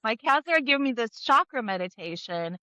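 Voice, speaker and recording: Middle-aged woman, bright slightly high voice, candid and self-mocking, telling stories. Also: big pitch swings, a little fast, no echo. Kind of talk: casual group conversation.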